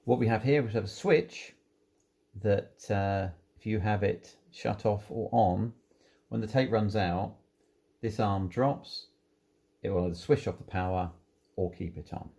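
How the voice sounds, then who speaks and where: This man's voice is lowish and warm with some vocal fry, and his pace is measured. He's a presenter giving a casual, hands-on demonstration of audio equipment, unhurriedly going through it step by step.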